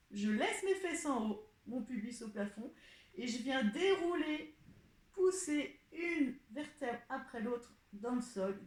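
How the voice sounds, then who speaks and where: A woman teaching a pilates class, calmly cueing each breath and movement step by step. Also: sits high. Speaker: pilates instructor. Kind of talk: guiding an exercise class. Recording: echoey room.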